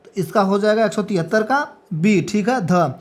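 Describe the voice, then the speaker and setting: A woman's voice: mid-range voice, lively intonation, normal speed. A woman teacher reading multiple-choice exam questions and their options aloud, then confirming each answer with a brief check. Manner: repeats a checking "ठीक है" after each answer. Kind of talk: exam practice lecture.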